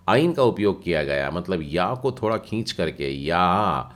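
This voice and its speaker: A man's voice: low voice, a bit bright. A man teaching a Bible language class, patiently spelling out letters and their sounds step by step. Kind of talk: slow explanatory lesson.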